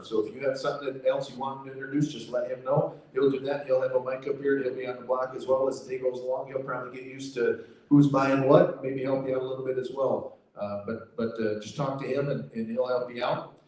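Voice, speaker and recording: A man's voice: medium pitch, flat delivery, fast, a little mellow. American guy doing an informal briefing, folksy and reassuring, super echoey hall, kinda far from the mic. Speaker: auctioneer contest organizer. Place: livestock sale arena. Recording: very echoey hall, distant PA sound.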